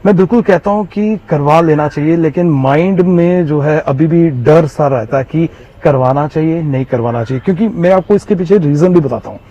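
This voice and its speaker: A man's voice: on the high side, moderate pace, hardly any pauses, mellow. A man with a Jammu Hindi accent telling an interviewer about his illness in an earnest, repetitive way, full of fillers. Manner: earnest, repeats himself, frequent fillers. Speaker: interviewee, Covid survivor. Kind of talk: recounting personal story in interview. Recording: slightly muffled with faint background noise.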